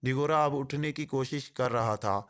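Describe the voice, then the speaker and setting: A man's voice: mid-range voice, fairly bright tone, clean tone. A man narrating a spy novel as an audiobook, reading steadily.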